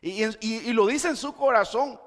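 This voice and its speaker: A man preaching a sermon, moving from quiet explanation to loud, impassioned exclamations. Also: very high voice, normal speed. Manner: impassioned, swings between quiet and shouting. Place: church sanctuary. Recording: church hall reverb.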